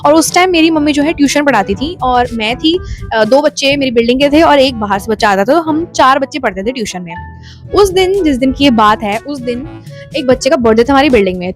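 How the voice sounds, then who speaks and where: Chatty high-voiced woman telling a story. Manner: chatty, mixes English into Hindi, keeps checking in with listeners. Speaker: storytime vlogger. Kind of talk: casual storytelling to camera. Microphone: phone front camera.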